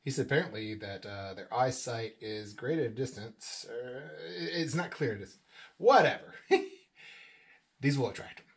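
A man's voice: medium pitch, lively intonation, normal speed, husky, no room sound. A man with an Upper Midwest accent rambling in a folksy, self-deprecating way while vlogging outdoors in snowy woods. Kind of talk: casual outdoor vlog.

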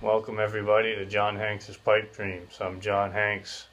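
A man's voice: lowish voice, flat delivery, normal speed, fairly bright tone, slight background noise. A man in his thirties hosting a casual podcast, speaking through clenched teeth with his jaw wired shut, rambling and slangy. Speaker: podcast host. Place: small bare room, indoors.

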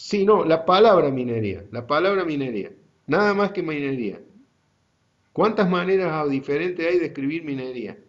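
Docente argentino dando clase virtual, tono pausado y didáctico, voz algo alta, sonido opaco. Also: male voice, on the high side, lively intonation, highs cut off. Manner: slow, deliberate explaining to students. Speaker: university GIS teacher. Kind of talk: online class lecture.

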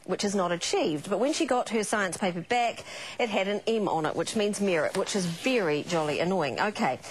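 A woman's voice: mid-range voice, animated, moderate pace, breathy edge, poor audio. A middle-aged woman, chatting and reading out viewer messages on morning TV. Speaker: morning TV presenter. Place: TV studio.

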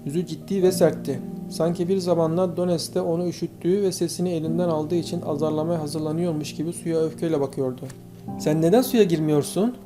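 A man narrating an audiobook in a steady storytelling manner. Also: fairly high pitch, fast, few pauses. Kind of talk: scripted narration. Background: faint guitar music.

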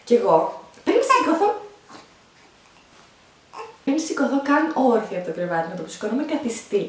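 A young woman vlogger telling the story of her childbirth, animated and laughing often as she talks. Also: a little high. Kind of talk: storytime vlog, recounting childbirth. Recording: echoey room, voice from a distance.

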